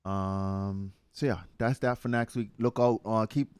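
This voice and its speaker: Male host, low voice, dry close mic, laid-back fillers. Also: a little slow, clean tone, no room sound. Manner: relaxed, filler-heavy announcements. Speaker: show host. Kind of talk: casual podcast chat.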